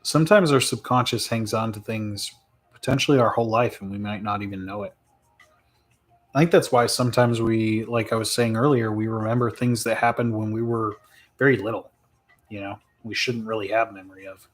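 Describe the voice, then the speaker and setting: A man streaming live and answering viewer questions in a relaxed, rambling way, thinking aloud with plenty of fillers and laughs. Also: on the low side, a little fast. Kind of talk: casual live chat.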